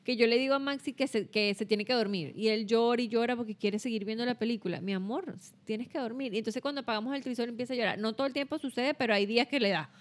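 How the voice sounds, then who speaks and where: A woman in her thirties co-hosts a relaxed conversation, and her voice sits a little above average in pitch. She is reflective and lays out her advice in long, patient explanations. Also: rapid-fire, few pauses. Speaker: podcast co-host. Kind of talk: casual chat.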